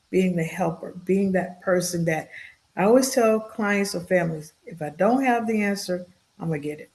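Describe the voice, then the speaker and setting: A woman's voice: fairly low pitch, a little mellow. A woman in her fifties, a social worker, talking in a podcast interview in an earnest, emotional way, often repeating her words. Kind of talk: heartfelt interview talk.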